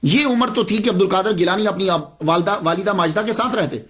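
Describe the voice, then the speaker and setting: An Islamic preacher with a high, slightly bright voice tells a saint's story as a sermon. He acts out the dialogue with big swings in his voice.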